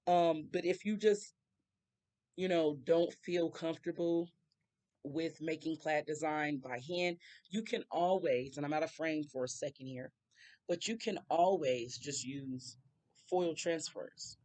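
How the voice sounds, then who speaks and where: Woman, nail tutorial host, hoarse and scratchy today; chatty, rambling voice-over. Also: low voice, measured pace, mellow. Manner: chatty, rambling asides to viewers.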